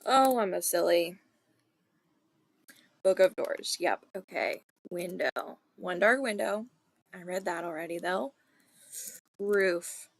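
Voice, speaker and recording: A woman streaming a co-working session, thinking aloud in casual self-deprecating chat with soft muttered asides. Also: fairly low pitch, slow pace, long pauses, dry recording.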